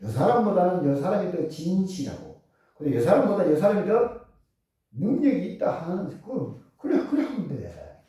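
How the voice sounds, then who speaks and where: A male pastor delivers a sermon, firing rhetorical questions at the congregation. His voice is dark and mellow yet swings widely in pitch. He is heard from a distance in a strongly echoing church hall. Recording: echoey church hall from far off.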